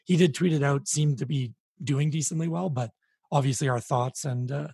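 A male podcast co-host with a gravelly, very raspy voice, pitched a little high for a man. He chats casually and reacts quickly to his guest. The recording is dry and close. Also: dark tone, no echo. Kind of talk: casual chat.

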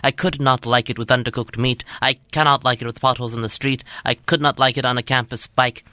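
A man's voice: medium pitch, steady tone, brisk, pushed and bright, no echo, voice pushed up, close to an everyday voice. A man voicing a grumbling young male student who complains in sing-song rhyme. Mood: stubborn.

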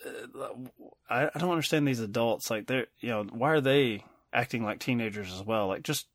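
A man co-hosting a casual film discussion, halting and self-correcting, wry with small chuckles. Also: mid-range voice, fairly bright tone, dry recording. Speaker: podcast co-host.

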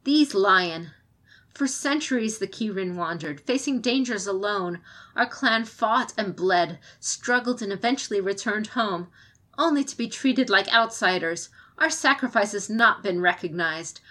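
In an audiobook, a woman voices an indignant, passionate female advisor, growing louder as she argues. Her mid-range voice is expressive and a little slow, with an impassioned mood.

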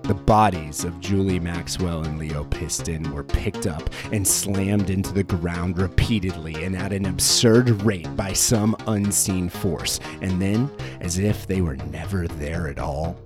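A man with a fairly low voice narrates the recap of a tabletop game session from a script. He tells it dry and matter-of-fact, with the odd casual swear, over steady background music. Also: unhurried.

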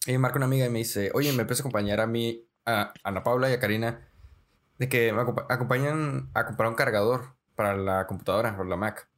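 A young man, a podcast co-host telling stories in slangy, animated casual chat. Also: mid-range voice, fast talker. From Mexico. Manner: slangy, says "güey" constantly, animated storyteller.

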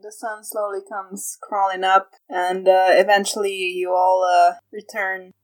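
Woman game master, relaxed. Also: medium pitch, low-quality recording. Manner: relaxed, halting with fillers. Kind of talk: narrating a tabletop game.

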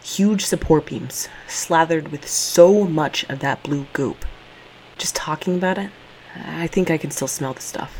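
Speaking a little slowly in a low, darkish voice, a young woman voices a sarcastic, foul-mouthed heroine narrating her own reckless, dangerous stunt in first person, often slipping into panic. The recording is rough, with background noise audible.

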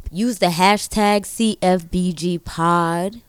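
A woman's voice: on the low side, fairly even intonation, slow, smooth, no echo. A woman co-hosting a podcast as a DJ, chatting casually and playfully in slang, often repeating her phrases. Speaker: podcast co-host and DJ. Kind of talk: casual chat.

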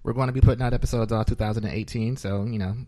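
A man hosts a podcast from a small studio, chatting casually in loose, filler-heavy talk, joking and laughing often. His lowish voice is mellow and steady in tone, but his pace is rapid-fire; there is no echo.

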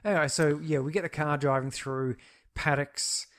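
A man with a neutral Australian accent co-hosting a casual film discussion, recapping scenes in a relaxed storytelling way. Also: fairly high pitch, moderate pace. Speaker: podcast co-host.

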